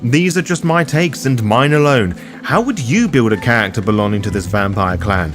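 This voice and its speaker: A man hosts a scripted roleplaying lore guide series, narrating theatrically and playfully with wry asides. His mid-range voice moves at normal speed, with background music behind him.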